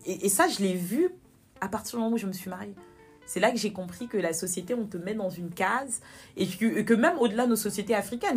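A young woman in a candid personal interview, speaking earnestly and growing animated when she recounts, repeating words for emphasis. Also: medium pitch.

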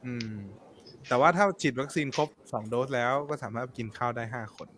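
A man who is a podcast guest, explaining things step by step in a relaxed, casual chat. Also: mid-range voice, a little fast, a little hiss or hum.

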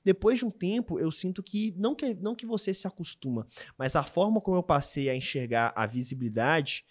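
A young man hosting a casual interview, talking in a relaxed, slangy way and often restarting his sentences. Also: fairly high pitch, brisk. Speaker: interviewer and content creator. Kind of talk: casual podcast chat.

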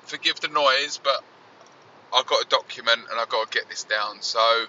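A podcast host talks in an earnest, rambling way from inside a moving car. His voice has a very bright, sharp edge and comes through fuzzy and distorted. Faint road noise hums beneath it. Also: mid-range voice, distant mic, muffled recording. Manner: reflective, earnest, rambling restarts. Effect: fuzzy distorted sound. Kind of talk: casual spoken monologue. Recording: distorted, noisy in-car recording. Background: faint road and engine noise.

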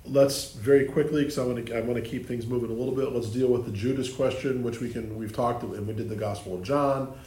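A man's voice: medium pitch, steady tone, a little fast, few pauses, dark tone. A man leading a group Bible study, explaining the text with restarts and questions to the group. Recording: echoey room with faint ambience.

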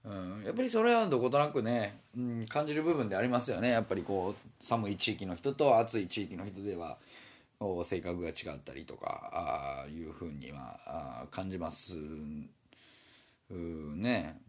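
An Osaka man with a Kansai accent and a low, expressive voice talks alone in a loose, casual manner. His thoughts meander, and small fillers and hesitations crowd his pauses.

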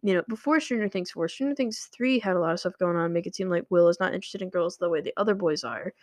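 A young woman vlogger chats casually with her viewers, rambling with lots of filler words. Her voice is lowish and quick, and the sound is clean studio quality with no room sound, though running water can be heard nearby in her home room.

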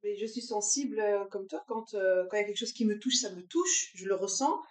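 A woman chatting at a brunch, earnest and hesitant, pausing often. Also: mid-range voice, lively intonation. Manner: earnest, hesitant, many fillers. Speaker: guest sharing her story. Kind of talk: casual chat. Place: room at a brunch. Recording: roomy sound, away from the mic.

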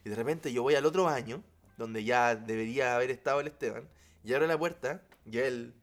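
A young man with a Chilean accent, telling a funny story on a podcast in an animated way and acting out the scene as he goes. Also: mid-range voice, brisk. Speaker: podcast co-host. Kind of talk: casual storytelling chat.

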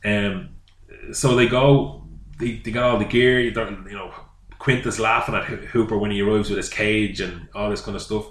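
A man's voice: on the low side, fairly even intonation, normal speed, a bit bright. A man from Ireland co-hosting a casual film chat, telling stories that trail off mid-sentence. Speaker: podcast co-host. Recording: echoey room.

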